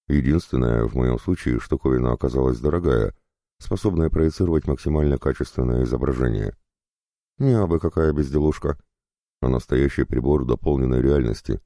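A man's voice: a bass voice, gravelly, mellow, dry recording, clean studio sound. A man reading a first-person story aloud as a scripted audiobook narration.

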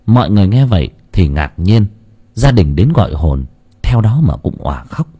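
A man reads a ghost story aloud as an audiobook narrator. His voice is fairly low yet very animated in its melody. He tells the story expressively. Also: normal speed, breathy edge.

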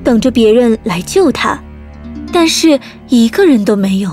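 A woman storyteller narrating a scripted children's story in an expressive way. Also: a little high, moderate pace, soft background music.

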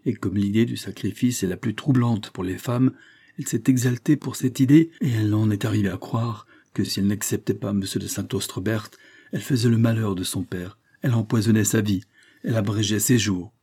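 A man reading an audiobook, voicing a resolute old grandfather who reasons in a measured, firm way. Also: lowish voice, dark tone, husky. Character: grave, resolute grandfather, protective and calm.

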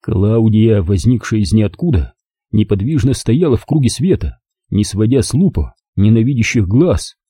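A man narrating a crime thriller audiobook with expressive, dramatic storytelling. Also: fairly low pitch, moderate pace, slightly rough, dry recording, clean studio sound.

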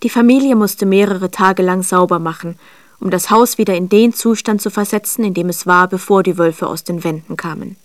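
A woman giving a scripted, expressive storybook narration in a measured way, recorded in a studio. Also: medium pitch, no echo.

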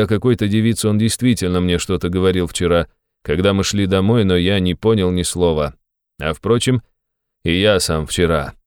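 A man reading an audiobook, voicing a calm, devoted young man in a plain, level tone. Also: clear, resonant tone, no room sound, clean studio sound, natural voice. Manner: calm, plain, low-key.

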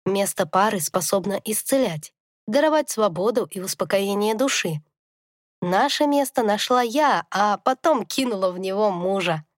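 A wise old she-wolf grandmother from a fantasy audiobook, knowing and gently teasing, as a woman reader lifts her voice for her. The sound is dry and close. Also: medium pitch, lively intonation, normal speed, no echo, close to an everyday voice. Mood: wry.

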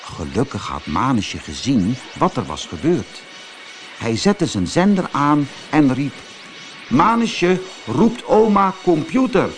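A man narrating a children's story for an audiobook, in an animated storytelling manner. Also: mid-range voice. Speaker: audiobook reader. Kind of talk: fairy-tale narration for children.

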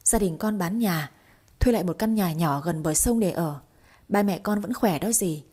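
Female narrator plays sincere young man, warm and soft-spoken. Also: on the low side, moderate pace, husky. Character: young man, earnest and polite, a motorbike driver.

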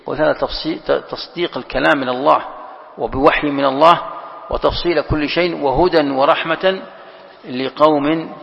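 A man's voice: on the high side, fairly even intonation, moderate pace, vocal fry. A man teaching as a sheikh, explaining scripture step by step in class and restating each verse as he goes. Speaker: sheikh teaching Quran commentary. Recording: lo-fi recording in a reverberant hall.

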